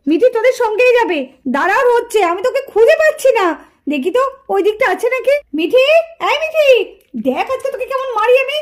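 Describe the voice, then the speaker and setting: Brief: woman as stern cartoon mum, high voice, scolding and threatening. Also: very animated, fast talker. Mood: angry, threatening. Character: strict, angry village mother with a stick. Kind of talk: puppet-show cartoon voice.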